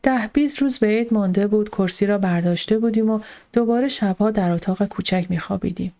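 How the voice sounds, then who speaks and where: A woman narrating a novel in the first person in a calm, steady storytelling manner. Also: mid-range voice. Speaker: audiobook narrator.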